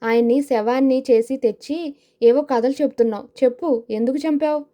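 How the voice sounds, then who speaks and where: A woman's voice: sits high, steady tone, moderate pace, dark tone, close to an everyday voice. A woman doing a fierce grieving widow. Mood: accusing. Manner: fierce, accusing questions. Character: grieving widow accusing a man of murder.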